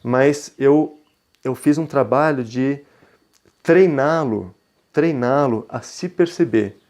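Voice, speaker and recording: Brazilian man in his thirties, parenting educator, gentle and reflective, mid-pitched, relaxed webinar delivery. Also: slow pace. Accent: Brazilian Portuguese. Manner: calm, reflective, gentle, often ending phrases with a questioning tag. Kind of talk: conversational webinar talk.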